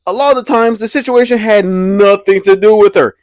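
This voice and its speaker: A young man hosting a casual commentary video, animated and slangy, laughing often as he talks. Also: high-pitched, brisk, no echo. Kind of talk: casual pop-culture commentary.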